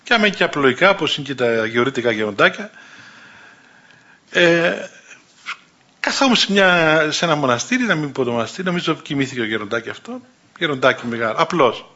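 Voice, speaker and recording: Bright-voiced man preaching a sermon. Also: fairly high pitch, animated. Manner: conversational storytelling, acting out voices in quotes. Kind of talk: sermon with anecdotes. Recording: dull lo-fi recording.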